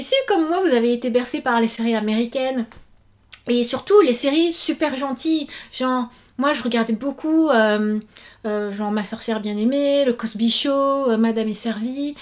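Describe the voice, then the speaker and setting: High-voiced chatty woman vlogger. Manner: chatty, animated, many fillers. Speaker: YouTuber and author. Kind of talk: casual chat vlog.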